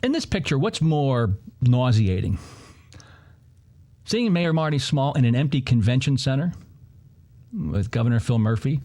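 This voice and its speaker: A male commentary host from New Jersey with a lively, swooping voice. He rants sarcastically, jumping between mockery and exasperation. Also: mid-range voice, unhurried, long pauses. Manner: sarcastic, heated, mocking asides. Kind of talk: opinionated political commentary.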